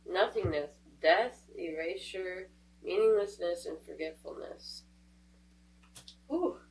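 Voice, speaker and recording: Slow and gravelly, on the low side, a tarot reader chats casually through a reading while congested from a cold, musing aloud as she works. The mic picks her up from a little distance, and there's a faint hum.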